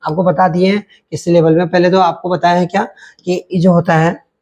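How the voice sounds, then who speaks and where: Male grammar teacher, fairly high voice, mellow and dark, steady explaining tone. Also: moderate pace. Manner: spells words letter by letter, repeats "ठीक है" often. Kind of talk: online grammar lesson.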